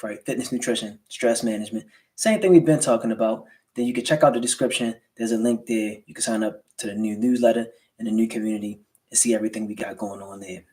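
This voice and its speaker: An American man talks to his livestream audience in a casual, motivational way. His words are slightly slurred from a swollen lip. He keeps it colloquial, dropping in quick check-in questions as he goes. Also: medium pitch, dark tone, poor audio. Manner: colloquial motivational delivery with rhetorical check-ins. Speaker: livestream host, entrepreneur. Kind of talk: casual livestream talk to viewers.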